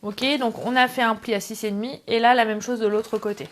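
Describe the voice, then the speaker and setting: A woman's voice: on the high side, fairly even intonation, fairly quick. A middle-aged woman hosting a casual live craft tutorial, chatting with viewers and greeting them by name between steps. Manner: chatty, greets viewers, self-deprecating asides. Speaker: craft livestream host. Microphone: camera on tripod.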